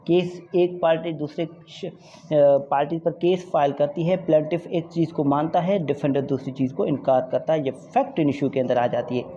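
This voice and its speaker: Speaking in a mellow, mid-range voice, this law lecturer walks exam students through the material step by step in a casual style, restating the main ideas. Tag questions come up often to confirm they follow, and legal definitions are read slowly in English. Background noise runs under a muffled, dull recording.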